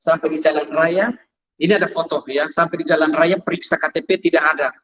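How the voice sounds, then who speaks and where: A man's voice: a little high, fairly even intonation, brisk, lo-fi sound. A man telling his testimony to a congregation, storytelling vividly and acting out sounds. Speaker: testimony speaker.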